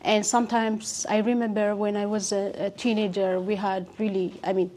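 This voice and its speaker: A young woman from Ethiopia, telling her life story as an interview guest in a halting way with many pauses and fillers. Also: mid-range voice, level tone, a little mellow.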